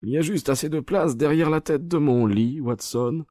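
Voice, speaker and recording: An actor playing an ailing, cunning detective in a radio play, whose voice is weak. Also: male voice, on the high side, normal speed, warm tone, no room sound, studio quality, close to an everyday voice. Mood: urgent. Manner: weak voice, commanding when roused.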